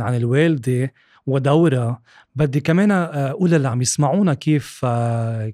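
A man's voice: mid-range voice, a little mellow, no echo, clean studio sound. A man hosting a podcast interview, encouraging and coaching in tone. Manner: encouraging, with frequent "mm" backchannels.

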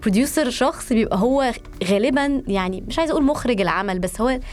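A woman's voice: fairly high pitch, animated, very fast, a little mellow, faint music behind. A woman in her thirties with an Egyptian accent in a conversational studio interview, mixing English words and phrases into her Arabic. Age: 30s. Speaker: podcast guest, journalist and producer.

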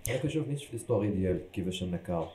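A male interviewer chats casually in a Moroccan Arabic accent with French words mixed in. His voice is very dark and extremely quick, and it echoes in the room over faint noise. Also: low-pitched, expressive. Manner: mixes in French loanwords. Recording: roomy, echoing, slight background noise.

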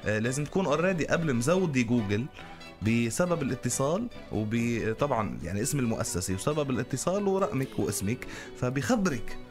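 A man's voice: medium pitch, sing-song, fairly quick. A man with a Lebanese Levantine Arabic accent, co-hosting a radio show with joking, casual banter. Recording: music playing behind the voice. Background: music.

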